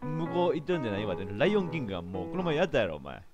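A man with a doing casual game commentary, rough and bossy, scolding and muttering to himself. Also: medium pitch, sing-song, rapid-fire, lo-fi sound. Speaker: game streamer. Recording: game video with loud background music.

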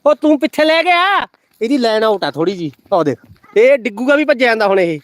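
A woman's voice: a little high, very animated, fast, no echo. A woman live-streaming outdoors on her phone, teasing children and calling out repeated commands at a village celebration. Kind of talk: casual live-stream commentary.

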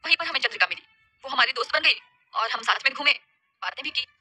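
A woman's voice: high voice, expressive, quick pace, bright, forceful tone, no echo, soft background music, exaggerated voice. A woman voicing an impulsive lovestruck young man who stammers and pleads. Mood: hesitant.

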